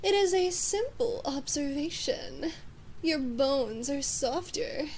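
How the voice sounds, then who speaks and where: In a scripted ASMR roleplay, a woman plays a haughty, domineering demon queen speaking to her human knight, imperious, measured and condescending, sometimes drifting into breathy whispers. Her high voice is animated and exaggerated with a darkish tone. The recording is rough, with slight background noise.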